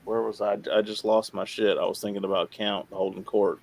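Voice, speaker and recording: A man talking casually as a podcast guest, halting and rambling as he repeats himself, with informal swearing. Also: lowish voice, flat delivery, creaky. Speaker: podcast guest, radio show co-host. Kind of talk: casual interview talk.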